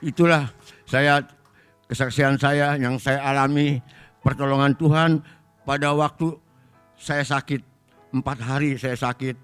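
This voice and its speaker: A man's voice: mid-range voice, flat delivery, measured pace, pauses often, a bit bright, smooth, soft background music. A middle-aged man giving a spoken testimony in church, telling his story in a plain, emotional way. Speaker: congregation member giving testimony.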